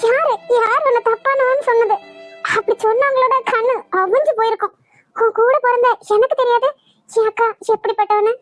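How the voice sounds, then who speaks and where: Loving cartoon little sister voiced by a woman, comforting, high voice, Kanyakumari Tamil accent. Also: fairly even intonation, fairly quick, no echo, faint music behind. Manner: pleading, comforting. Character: caring loyal younger sister.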